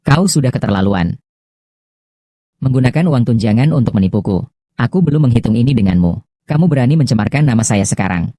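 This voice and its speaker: A man's voice: mid-range voice, expressive, a little fast, long pauses, dark tone, dry recording, studio quality, natural voice. A man voicing a scheming, grasping middle-aged mother who scolds with contempt, in dubbed drama dialogue. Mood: scolding.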